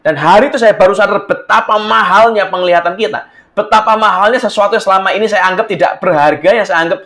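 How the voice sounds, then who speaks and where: A man with a high, light voice, preaching a sermon to his congregation. He talks in an easy, conversational way and mixes English phrases into his speech. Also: fast, fairly bright tone. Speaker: pastor.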